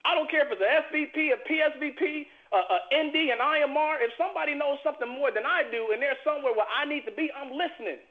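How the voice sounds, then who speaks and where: A man's voice: fast, hardly any pauses. A man giving a fired-up motivational talk on a team conference call, emphatic and repeating himself like a preacher. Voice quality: high-pitched, emphatic, repeats phrases and calls to the team. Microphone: telephone. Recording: tinny phone line.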